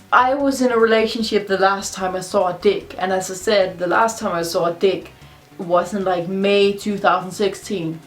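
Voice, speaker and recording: A drunk woman who is not a native English speaker, rambling casually and confessionally in a video blog, often repeating herself. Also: medium pitch. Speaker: video blogger. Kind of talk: casual rambling monologue to camera.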